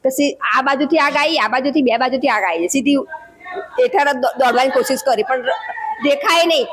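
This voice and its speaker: A middle-aged woman who works as a mess cook, giving a shaken eyewitness account in halting speech full of restarts. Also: high voice, a bit bright, a little hiss or hum. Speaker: mess cook, crash witness.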